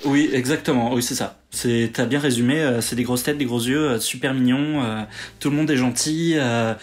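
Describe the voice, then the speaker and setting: A man hosts a casual podcast chat from home over a remote call. His voice sits at an everyday middle pitch, and he rambles along with fillers and self-corrections. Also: steady tone, moderate pace. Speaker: podcast host.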